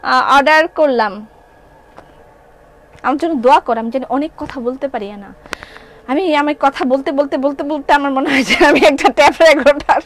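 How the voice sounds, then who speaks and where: A woman's voice: sits high, moderate pace, pauses often, slight background noise. A woman hosting a live clothing sale, chatting playfully and reading out viewers' comments. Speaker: online clothing shop live seller. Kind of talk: live-stream sales chat.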